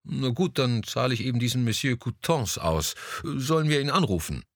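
Reading an audiobook, a man voices a vain, silver-haired gallery owner who grumbles testily and talks down a bit. His mid-range voice is animated at a normal pace, recorded clean in a studio with no room sound and boosted in level.

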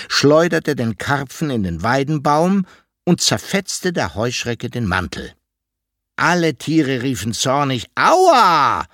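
Man reading a children's story slowly. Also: mid-range voice, no room sound, clean studio sound. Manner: lively, dramatic reading.

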